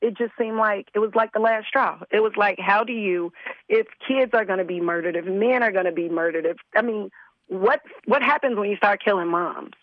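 A hoarse woman who is under the weather, speaking as a community organizer in an earnest, repetitive casual interview manner. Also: medium pitch, fairly quick, dry recording, narrow, tinny audio. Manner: earnest, repeats words as she talks.

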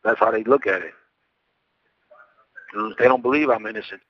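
A man's voice: on the low side, brisk. A man talking bluntly and profanely on a jail payphone call, rambling through his words. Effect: jail payphone call, phone line. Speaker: jail inmate. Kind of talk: phone conversation. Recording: muffled lo-fi phone line.

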